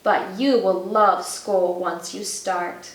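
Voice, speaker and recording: Storybook mother raccoon read by a woman: slow, soothing, reassuring and tender, recorded in an echoey room. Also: mid-range voice, steady tone, close to an everyday voice. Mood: gently reassuring. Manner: gentle, soothing. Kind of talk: storybook read-aloud character voice.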